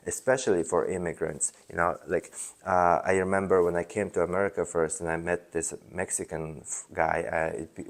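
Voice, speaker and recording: A young man with a mixed Polish and Mongolian accent, talking casually and hesitantly to camera as a self-help video host, with many fillers and restarts. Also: low voice. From Poland. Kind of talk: casual unscripted monologue.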